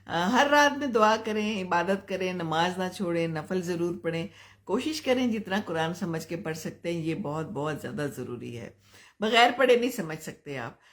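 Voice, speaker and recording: An older woman from Pakistan, hosting a live stream and giving gentle advice while answering viewers' comments. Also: fairly low pitch. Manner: gentle, advising, chuckles often.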